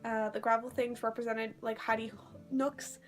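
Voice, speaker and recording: A woman's voice: a little high, flat delivery, normal speed, faint music behind. A woman chatting casually to her phone at arm's length, telling stories in a rambling, slangy way as a vlogger. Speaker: vlogger recounting a live-action role-play event. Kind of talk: casual chat.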